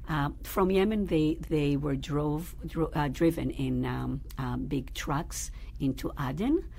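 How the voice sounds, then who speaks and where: An Israeli woman rabbi, appearing as a guest, speaks in a low, gravelly voice at a slow pace with a warm tone. In this interview she tells personal stories thoughtfully, searching for words and using fillers. Faint background noise sits under the recording.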